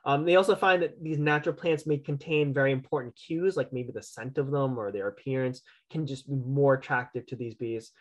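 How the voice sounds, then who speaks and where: A man's voice: medium pitch, fairly quick, few pauses. A young adult man, a county entomologist, giving a casual online lecture on gardening over a video call, chatty and full of restarts and "right?" tags. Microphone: video call webcam.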